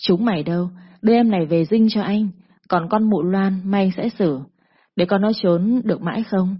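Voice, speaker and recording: A woman's voice: medium pitch, moderate pace, husky, lightly acted. A woman voicing a cocky, lewd male gangster loan shark who talks in a sneering, bullying drawl. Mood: menacing. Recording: dull lo-fi recording.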